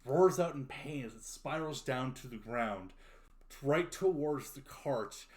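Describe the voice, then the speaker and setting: A man's voice: mid-range voice, measured pace. A man acting as game master, improvising narration for a tabletop role-playing game among players.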